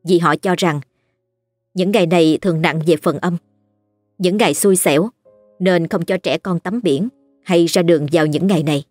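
A narrator telling a ghost story in a steady, scripted way. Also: medium pitch, normal speed, long pauses, no echo, faint music behind.

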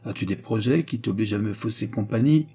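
A man's voice: fairly low pitch, fast talker, warm tone, breathy edge. A man voicing an irascible, woman-hating old male professor who scolds fiercely and sarcastically. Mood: ironic.

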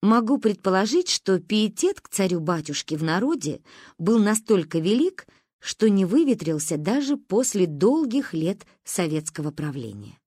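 A woman narrating a story in an expressive, animated reading. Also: mid-range voice, normal speed, breathy edge, no room sound, clean studio sound. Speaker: audiobook narrator.

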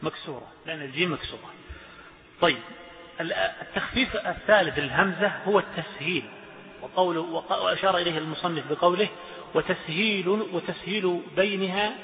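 A man's voice: high-pitched, brisk. A man teaching a classroom lesson on the rules of Quranic recitation. He repeats his examples, chants verses and asks his students questions. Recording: echoey hall over a tinny, lo-fi line.

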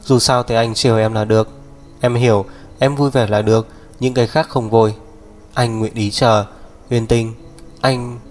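Một người đàn ông đọc truyện, đóng vai người anh trai trẻ bảo bọc, hay ra lệnh, nói chắc nịch kiểu lên lớp. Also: male voice, medium pitch, fairly even intonation, moderate pace, long pauses, natural voice. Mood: tender. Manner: firm, lecturing. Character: young man, protective bossy older brother.

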